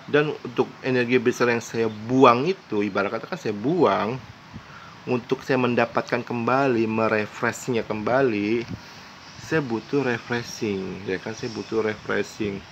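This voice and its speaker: A man's voice: mid-range voice, measured pace. A man in his forties from Indonesia, a self-styled psychic, pleading in a repetitive, earnest casual monologue. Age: 40s. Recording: dull lo-fi recording with faint background noise.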